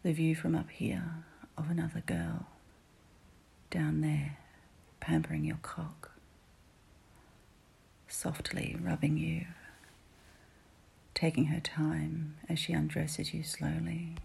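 A woman's voice: sits low, monotone, slow, gravelly, long pauses, warm tone, slightly rough. A woman whispering an intimate adult roleplay close to the listener's ear, ASMR style. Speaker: audio roleplay performer.

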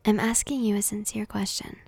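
A woman's voice: medium pitch, fairly even intonation, fairly quick, vocal fry, a little mellow, slightly rough, no echo. Woman whispering as a cranky queen-bee teen in whispered role-play. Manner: cranky, cutting retorts. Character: sharp-tongued popular teenage girl, defensive.

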